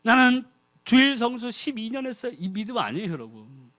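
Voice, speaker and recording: The ordained deacon's sermon is full of rhetorical questions thrown at the congregation and mocking impressions of people praying. He has a very high voice, animated and brisk, with a slightly bright tone.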